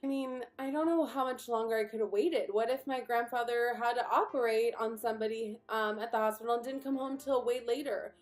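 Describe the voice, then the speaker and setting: A chatty young woman tells a story straight to the camera, warm and conversational, with lots of asides and fillers. Her voice sits a little high for a woman. The room is echoey, and faint guitar music plays underneath. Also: steady tone, brisk, few pauses. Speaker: vlogger.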